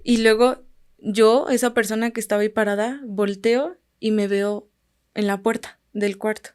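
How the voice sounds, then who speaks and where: This podcast guest is a woman from Guerrero whose Mexican Spanish accent carries a calm, casual personal story. She speaks at a medium pitch and moderate pace with a clean tone, her phrases frequently fading quietly at the end.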